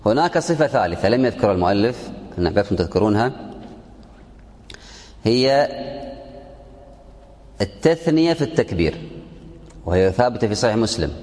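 A man's voice: on the low side, darkish tone, long reverb tail. A man teaching a religious text to a class, repeating key phrases and quizzing his students. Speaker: sheikh teaching a fiqh text. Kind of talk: classroom lesson explaining a text.

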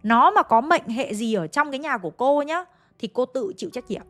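A woman's voice: high voice, animated, fairly quick, faint music behind, voice pushed up. Brief: woman playing a husband, firm polite warning, plain voice. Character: worried husband warning firmly, polite but insistent.

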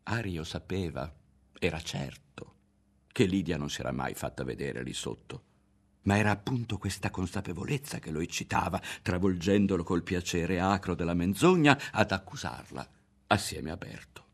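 A man narrating a literary novel aloud in a measured, grave manner. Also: low voice, animated, gravelly, slightly rough. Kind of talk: literary audiobook reading.

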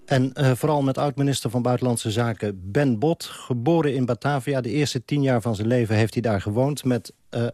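A man's voice: mid-range voice, normal speed, few pauses, warm tone. A man hosting a radio interview, asking probing, conversational questions. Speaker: radio host. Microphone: studio microphone.

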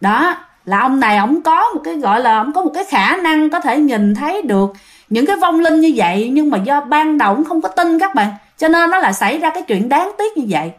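A woman's voice: high voice, lively intonation, brisk. A woman with a Southern Vietnamese accent telling a ghost story in a chatty way, speaking straight to her listeners. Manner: chatty, addresses listeners directly.

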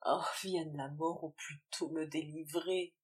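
A woman's voice: sits low, fairly even intonation, a little slow. A woman reading the part of an anguished young woman confessing a secret child, in a despairing, impassioned way. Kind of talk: audiobook character reading.

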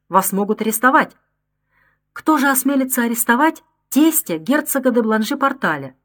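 A woman voicing a menacing escaped convict, a grown man, in an audiobook; her tone is mocking and threatening. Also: a little high. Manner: mocking, then roaring with rage. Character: menacing middle-aged male escaped convict, sneering.

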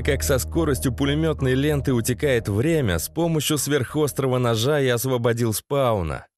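A man's voice: medium pitch, no room sound, clean studio sound. A man narrating a first-person audiobook in a sardonic, crude, slangy manner.

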